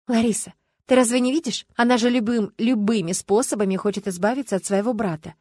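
A woman's voice: a little high, fairly quick, mellow, no echo, close to an everyday voice. A woman reading an audiobook and voicing an earnest, stubborn young heroine who speaks in a pleading way.

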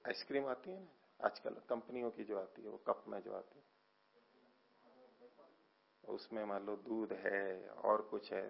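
A man teaching a scripture lecture, explaining slowly, asking questions and answering them himself, often trailing off softly at the ends of phrases. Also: mid-range voice, vocal fry, slightly rough, highs cut off. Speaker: teacher of philosophy.

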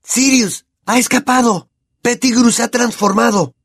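A man with a Latin American accent voicing a brave, desperate teenage boy wizard in an audiobook, calling out in urgent shouts. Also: sits high, moderate pace, no echo, clean studio sound, voice pushed up. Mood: desperate shouting. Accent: Latin American Spanish.

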